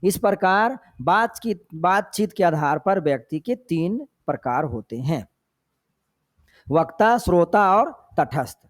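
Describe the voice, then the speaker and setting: A high-pitched man with a Hindi accent from Jharkhand teaches grammar for a competitive exam. He speaks at an unhurried, measured pace. He goes over each point twice and keeps telling his students to pay attention. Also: animated. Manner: slow and repetitive, often tells students to pay attention. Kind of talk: exam-prep lecture.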